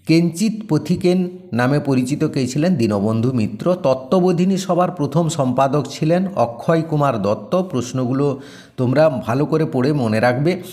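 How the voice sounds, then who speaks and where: A man with a fairly high, darkish voice teaches exam revision as a presenter, reading questions and answers aloud. Along the way, he gives his students direct instructions.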